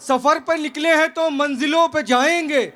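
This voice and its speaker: Man, audience poet, very high declaiming voice, slow drawn-out lines, bright tone. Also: steady tone. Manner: loud, high-pitched, emphatic recitation.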